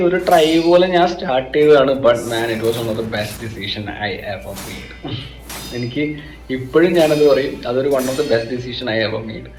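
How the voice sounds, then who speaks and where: A man's voice: on the high side, darkish tone. A man with a Malayali accent giving a casual video-game guide, mixing in English and talking informally in short, hesitant phrases. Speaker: gaming YouTuber. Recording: echoey room with music behind. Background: background music.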